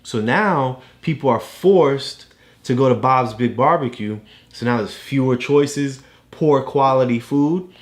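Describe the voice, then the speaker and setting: An adult with a mid-range voice and measured pace acts as a parent tutor, explaining a book to a child in a casual read-along lesson. They explain patiently and often check whether the child understands. The room is echoey.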